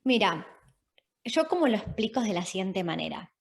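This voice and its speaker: An Argentine woman talks through ideas in an interview, laying things out step by step. Her voice sits at an ordinary middle pitch. She pauses to check that she is being followed. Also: big pitch swings. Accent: Argentine Spanish. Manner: clear, explanatory, checks in with "is that okay?". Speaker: guest, property investment specialist. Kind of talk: podcast interview.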